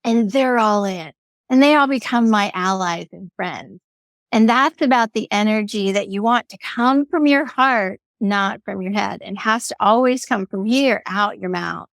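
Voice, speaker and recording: A woman guest on an interview, talking about energy healing in a lively, playful way and often acting out voices of people she quotes. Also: mid-range voice, measured pace, vocal fry, dry recording, clean studio sound. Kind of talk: conversational interview.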